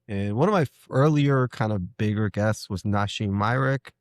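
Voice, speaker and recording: A man's voice: fairly low pitch, normal speed, no room sound, clean studio sound. A man hosting a podcast, chatting enthusiastically with his guest and acting out quotes. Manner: enthusiastic, animated, acts out quotes. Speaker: podcast host. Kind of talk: casual interview.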